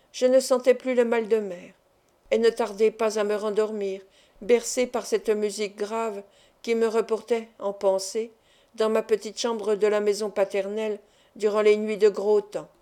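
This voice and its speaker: Mellow-voiced woman reading a novel aloud. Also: a little high. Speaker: audiobook reader. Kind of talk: scripted narration of a novel.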